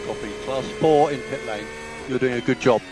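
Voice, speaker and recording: Over noisy motorsport team radio, a race engineer gives clipped instructions and repeats them. His voice is medium-pitched and he speaks at a normal pace.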